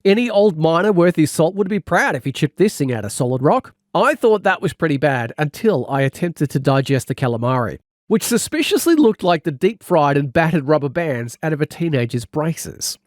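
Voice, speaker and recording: A man's fairly high, sing-song voice moves at a moderate pace as he reads comedic scripted narration from a first-person audiobook. As narrator he is a wry storyteller who exaggerates, heard in clean studio sound with no room tone.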